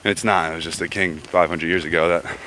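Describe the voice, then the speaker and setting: A man's voice: deep voice, steady tone, fast talker, pushed and bright, a little hiss or hum. A man in a casual walking vlog, talking while he hikes through woods outdoors, in a laid-back, rambling, slangy way with lots of fillers. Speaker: vlogger walking a pilgrimage route. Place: outdoors on a woodland trail, walking.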